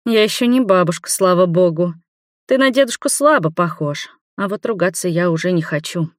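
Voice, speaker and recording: A woman's voice: on the low side, expressive, moderate pace, no echo, natural voice. A reader voicing a tired, blunt middle-aged woman who answers dryly and curtly. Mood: weary, curt. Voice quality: dry, curt. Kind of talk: audiobook dialogue.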